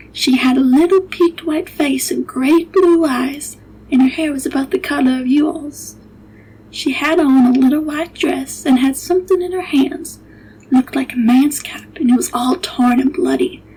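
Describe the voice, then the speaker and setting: A woman playing a gentle old nursemaid. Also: high voice, natural voice, poor audio. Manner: soft, hushed, often breathy whisper. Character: older woman servant, gentle storyteller nurse.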